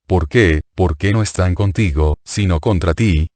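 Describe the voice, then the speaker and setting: A man's voice: low-pitched, a little slow, a little mellow, no echo. A man voicing an older woman, a grieving aunt who pleads in anguish through tears. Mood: anguished pleading.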